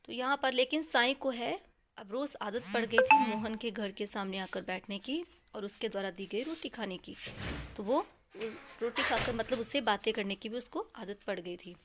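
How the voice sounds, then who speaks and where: A woman's voice: a little high, normal speed, heavy background noise. Woman teacher explaining a story chapter. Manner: retells the story then explains in simpler words. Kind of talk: explaining a textbook chapter to students.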